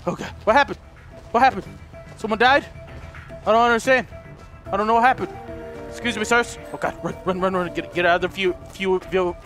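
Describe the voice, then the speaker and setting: Excitable male gaming host, very high pitched, shouts and curses constantly, over game music. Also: brisk, long pauses. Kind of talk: frantic gameplay commentary.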